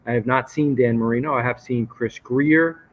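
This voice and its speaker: A man's voice: mid-range voice, fairly even intonation, normal speed. Male sports reporter calling from a hotel lobby. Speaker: sports reporter, guest on a show. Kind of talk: live interview, casual sports talk. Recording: muffled, noisy hotel lobby ambience. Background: hotel lobby noise.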